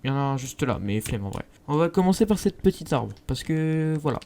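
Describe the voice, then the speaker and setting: A man's voice: a little high, big pitch swings, fairly quick, mellow. A young man, chatting casually to viewers while playing a survival game, self-mocking and talkative. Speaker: gaming youtuber. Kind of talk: casual let's play commentary.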